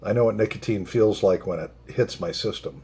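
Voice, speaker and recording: A man chatting casually in a solo pipe tobacco vlog, unhurried and halting, drifting into rambling asides. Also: lowish voice, a little mellow, husky.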